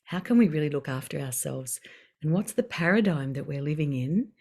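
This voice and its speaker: Middle-aged woman, low voice, calm unhurried facilitator of a wellbeing session. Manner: calm, unhurried, gently guiding with pauses. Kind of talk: guided self-care talk.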